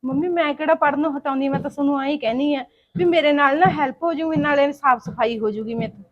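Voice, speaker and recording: A woman acting out a hardworking young daughter-in-law who asks politely and pleads. Her voice is high. The sound is dull and lo-fi, like a home video. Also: fast, close to an everyday voice. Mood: pleading. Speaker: daughter-in-law in a family short film. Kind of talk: amateur family drama acting.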